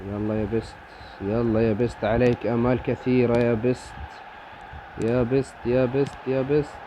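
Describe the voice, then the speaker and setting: A man with an Egyptian Arabic accent giving excitable live commentary on his own football video game match, cheering and groaning at the play. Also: medium pitch, a little fast, noisy background. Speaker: gamer.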